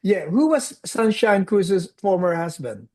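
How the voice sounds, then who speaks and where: A Filipino man in his sixties, with a Filipino accent, is a guest in a casual interview conversation, telling his story in a relaxed, reflective way and mixing in Tagalog phrases. His voice is high-pitched and his pace measured.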